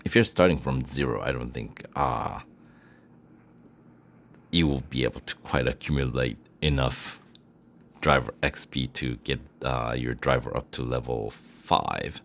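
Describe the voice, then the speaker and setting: Very deep, gravelly-voiced man commentating gameplay. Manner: relaxed, thinking aloud with many "uh" pauses. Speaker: gaming channel host.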